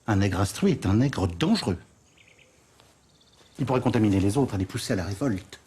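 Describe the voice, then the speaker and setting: An actor playing an indignant, bigoted colonial priest, pompous and alarmist, in a period film. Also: male voice, fairly low pitch, expressive, brisk, mellow, a little hiss or hum, lightly acted. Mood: warning, stern. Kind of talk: period film comedy acting.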